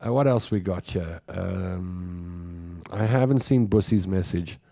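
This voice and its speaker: A South African man in his fifties hosts a live show, talking to his listeners casually, earnestly, and reflectively, like a conversation. His voice is low, slow, and mellow, and the recording is dry.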